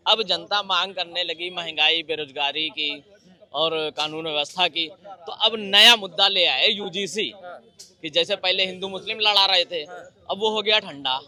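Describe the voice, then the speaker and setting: A man from the public explaining his view steadily in a street interview, pausing on hesitant fillers. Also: sits high, sharp tone.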